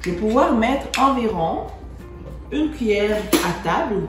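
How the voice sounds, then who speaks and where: A home cook from Congo gives a cooking demonstration, chatting while she works and rephrasing and repeating herself. Her voice is on the high side, with lively intonation and a measured pace. She is heard over music in a roomy-sounding recording.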